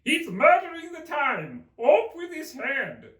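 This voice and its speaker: A man's voice: very high voice, big pitch swings, slow, fairly bright tone, pitched above the performer's own voice, heavily acted. A man voicing an eccentric, huffy and mournful male storybook Hatter, with an emphatic, theatrical and contemptuous manner. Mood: dramatic. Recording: roomy, distant microphone.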